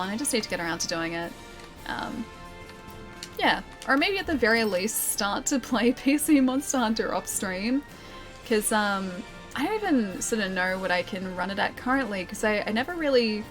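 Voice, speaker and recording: A woman's voice: mid-range voice, a bit bright. Woman streamer talking with retainer in, music behind. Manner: talking with retainer trays in, slightly careful articulation. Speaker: live game streamer. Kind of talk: casual livestream chat with viewers. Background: background music.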